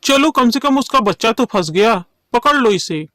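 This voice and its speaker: A man's voice: extremely high pitch, lively intonation, moderate pace, fairly bright tone, dry recording. A man voicing an anxious village man in a cartoon story, who speaks in an earnest, agreeing way. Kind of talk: cartoon voice acting.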